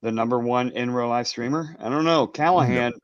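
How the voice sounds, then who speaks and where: A man's voice: mid-range voice, a little fast, no echo, lo-fi sound. A man who streams, talking casually in a group chat. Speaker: video streamer who records police.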